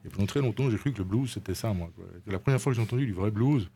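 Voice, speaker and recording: Deep, blunt male guitarist. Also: very fast, a little hiss or hum. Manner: animated, blunt, repeats himself. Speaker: guitarist guest. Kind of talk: casual interview answers.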